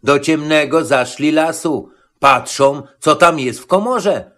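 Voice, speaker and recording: A man narrating a children's rhymed storybook, reading the verse in an expressive, rhythmic way. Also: fairly high pitch, slow.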